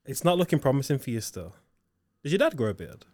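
A man's voice: medium pitch, sing-song, fast talker, darkish tone. A man in his twenties with an urban London roadman accent, bantering casually in street slang as a co-host. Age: 20s. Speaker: co-host of a chat show.

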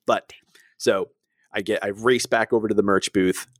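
A man co-hosting a casual podcast chat, telling stories with lively acted-out quotes and frequent laughs. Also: fairly low pitch, moderate pace, no room sound, studio quality. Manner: animated storyteller, acts out voices, laughs often. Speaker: podcast co-host.

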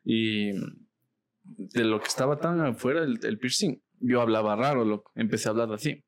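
A man's voice: medium pitch, normal speed. A young man, chatting casually with friends and telling slangy stories. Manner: slangy storyteller, laughs often. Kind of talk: casual chat.

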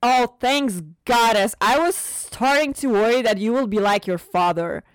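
A woman voicing a fierce, blunt mother who scolds in sharp outbursts. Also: medium pitch, expressive, moderate pace, no echo, lightly acted. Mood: protective. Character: fierce protective mother, foul-mouthed and blunt.

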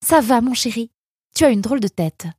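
A woman's voice: a little high, animated, brisk, darkish tone, breathy edge, no room sound, studio quality, pitched above the performer's own voice. A woman voicing an anxious, caring animal mother in a children's storybook. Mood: fussing.

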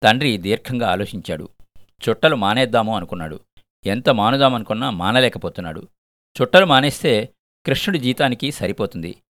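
Older man reading a story aloud, lowish voice. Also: no room sound, studio quality. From Andhra Pradesh, India. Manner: measured, expressive reading. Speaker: story reader. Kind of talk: storytelling narration.

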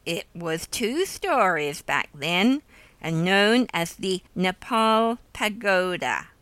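A woman voicing a gentle, wistful older widow. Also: on the low side, expressive, slow, smooth, no echo.

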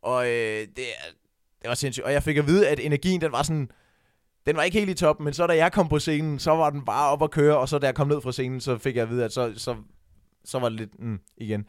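A young man, co-hosting a podcast and telling a story with excitement, acting out the shouts he quotes. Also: medium pitch, dry recording, clean studio sound. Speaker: podcast co-host. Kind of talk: casual chat.

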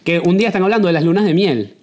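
A Venezuelan man co-hosting a podcast, telling stories in slangy, animated casual chat. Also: high-pitched, racing. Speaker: podcast co-host.

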